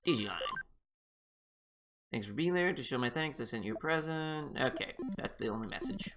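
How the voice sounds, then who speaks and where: A man's voice: medium pitch, lively intonation, moderate pace, heavy background noise. Casual man streaming a video game. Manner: casual, muttering asides. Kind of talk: let's play commentary, reading game text.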